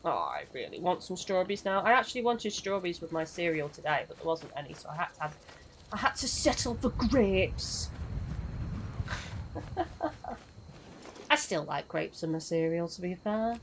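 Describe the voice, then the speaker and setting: Streaming a game live, a young woman rambles and chats with her viewers, saying hello while she plays, her voice strained after losing it lately. It's a lowish voice with wide pitch swings, a moderate pace and long pauses, over background noise.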